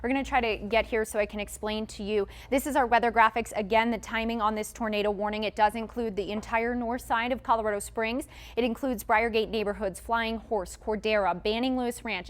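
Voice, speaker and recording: A woman TV meteorologist talks viewers through a live severe storm warning. She explains the radar clearly and urgently and gives shelter instructions. Her voice sits a little high. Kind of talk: live breaking weather coverage.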